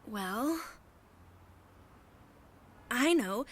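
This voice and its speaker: Higher-voiced, earnest young student. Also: female voice, lively intonation, very slow, slight background noise. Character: sincere, idealistic young female student. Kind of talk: dramatic dub acting.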